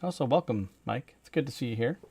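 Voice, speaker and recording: A young male streamer commenting on a horror game, thinking out loud, swearing freely and getting worked up over his theories. His voice sits at a middle pitch on a dry, close microphone. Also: expressive, fast, slightly rough, dry recording. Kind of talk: casual gameplay commentary.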